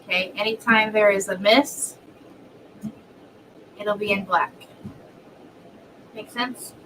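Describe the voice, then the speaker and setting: A woman's voice: medium pitch, steady tone, slow pace, sharp tone, distant mic, poor audio. A woman co-hosting a casual livestream, speaking in brief, matter-of-fact remarks. She sits away from the mic. Faint background noise runs throughout. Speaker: livestream co-host.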